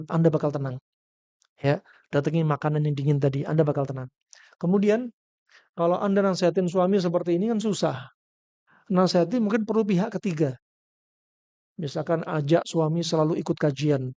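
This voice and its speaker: Emphatic male preacher, mellow dull recording. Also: a little high, no echo. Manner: animated, emphatic bursts of loud rising speech. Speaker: Islamic preacher. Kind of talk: religious lecture.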